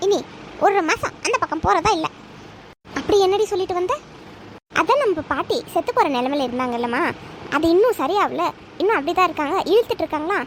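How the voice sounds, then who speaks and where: A woman's voice: very high-pitched, lively intonation, a little fast, long pauses, a little hiss or hum. A woman voicing a spoiled young married daughter in a cartoon, whiny and complaining. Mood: sly. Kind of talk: cartoon voice acting.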